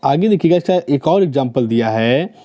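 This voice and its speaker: Man teaching grammar with a mellow voice. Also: on the high side, animated, normal speed, highs cut off. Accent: Hindi. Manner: explains step by step, often asks "theek hai na?". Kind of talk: grammar lesson for exam students.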